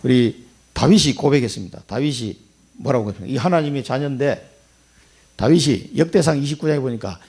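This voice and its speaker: A male pastor preaching a sermon dramatically, acting out quoted voices and swinging between loud bursts and hushed asides. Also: mid-range voice, lively intonation, a little fast, slightly rough.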